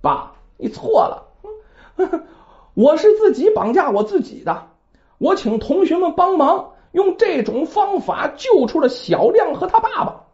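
Woman voicing a high shrill schoolboy, lively pitch, lo-fi storytelling audio. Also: unhurried, exaggerated voice. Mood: proud. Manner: high, shrill crying shouts. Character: young schoolboy, tearful then proud.

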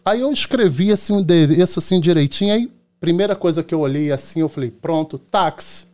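A man's voice: fairly high pitch, lively intonation, a little fast, darkish tone. A middle-aged man from Rio de Janeiro with a Carioca accent, a podcast guest telling chatty anecdotes and acting out the dialogue. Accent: Carioca Portuguese. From Rio de Janeiro, Brazil. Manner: chatty, tells anecdotes acting out quoted dialogue, often tags "entendeu?". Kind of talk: casual storytelling in a podcast chat.

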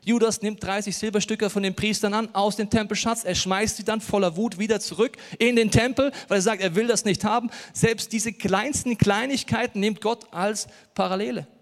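A man's voice: high-pitched, steady tone, normal speed, few pauses, long reverb tail. A man preaching a sermon, telling the story earnestly and acting out what the disciples might say.

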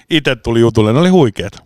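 A man's voice: mid-range voice, lively intonation. Rambling storyteller man on a podcast. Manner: rambling storyteller, swears and laughs often. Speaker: podcast co-host. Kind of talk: casual chat.

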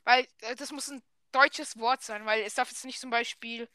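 A woman's voice: on the high side, fairly even intonation, moderate pace, bright, forceful tone, no echo. A woman, casually teaching a friend words in a playful, teasing way. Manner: playful, teasing, laughs often. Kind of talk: casual chat.

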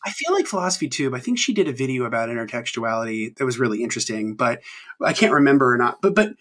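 Casually rambling through a podcast, a man in his thirties says um often and keeps restarting. He speaks fast in a sing-song, mid-range voice with a fairly bright tone.

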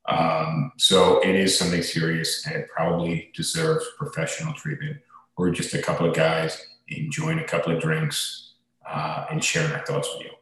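A man's voice: deep voice, sing-song, moderate pace, vocal fry, a bit bright. A male podcast host chatting in a casual, opinionated and blunt way in an empty room that echoes like a cave. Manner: blunt, swearing.

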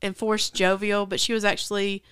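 A woman's voice: medium pitch, little pitch movement, normal speed, fairly bright tone, clear, resonant tone, no room sound, studio quality. A woman with a Southern US accent hosting a casual book chat, retelling a story in a rambling way with many fillers. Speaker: podcast host.

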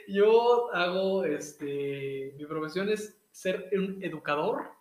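A man with a northern Mexican accent speaks in a somewhat high register. He chats as an interview guest in slangy, joking, colloquial phrases. The room adds a clear echo to his voice. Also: lively intonation, slow pace, a little mellow. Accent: northern Mexican (Nuevo León). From Nuevo León, northern Mexico. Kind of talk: casual interview chat. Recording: echoey room sound.

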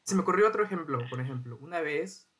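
A young man, a podcast co-host telling stories in animated casual chat and swearing freely. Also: a little high, fast talker, husky.

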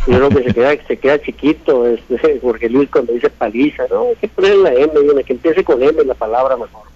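A man's voice: mid-range voice, normal speed, dark tone, breathy edge. Northern Mexican man, dull radio sound. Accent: northern Mexican, Sinaloan. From Sinaloa, Mexico. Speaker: political analyst on radio. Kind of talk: live election commentary.

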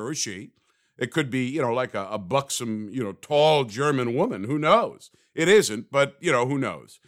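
A man hosts his own comedy podcast with a voice pitched a little above the usual male range. He rambles from one thought to the next in a dry, sarcastic, self-mocking way. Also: a bit bright. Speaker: podcast host. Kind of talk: comedic solo podcast monologue.

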